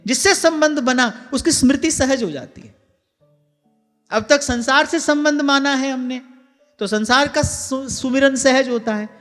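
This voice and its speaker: A man's voice: very high-pitched, fairly bright tone. A male spiritual teacher giving a devotional sermon in a large hall, earnestly repeating key phrases for emphasis. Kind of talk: devotional sermon with sung verses. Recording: long hall reverb, faint music.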